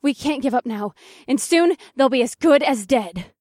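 A man playing a devoted young witch who serves her master, in an audiobook. Her voice sits very high in a falsetto, recorded dry and close. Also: lively intonation, normal speed, darkish tone, dry recording. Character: loyal orange-haired young witch woman, devoted.

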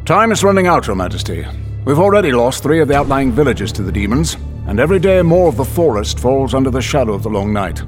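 A man's voice: mid-range voice, very animated, fast, music in the background, close to an everyday voice. A man playing an earnest, urgent royal adviser and warrior in an audio drama, formal and insistent. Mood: grave, urgent.

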